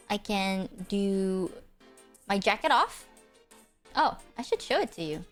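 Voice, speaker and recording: A woman's voice: medium pitch, lively intonation, slow pace, soft background music. A woman hosting a casual live stream, chatting to viewers in a cute, playful, teasing anime-streamer manner. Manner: giggly, teasing, exclamatory. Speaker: streamer host.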